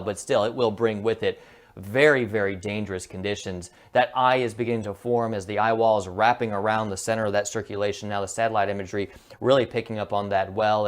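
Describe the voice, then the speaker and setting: A man presenting an unscripted hurricane forecast as a meteorologist, sometimes halting and rephrasing as he goes. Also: medium pitch.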